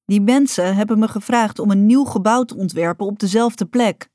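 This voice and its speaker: A woman voicing a stern mother in a storybook reading, speaking firmly and with a sharp tone. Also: medium pitch, normal speed, no room sound, clean studio sound, natural voice. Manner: firm, sharp-toned.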